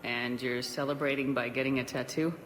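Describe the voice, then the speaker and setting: A woman's voice: rumbling low, fairly even intonation, a little fast, low-quality recording. A woman playing a confident military commander in a video game, composed and direct with a dry wit. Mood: wry. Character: steady, wry female military commander, confident.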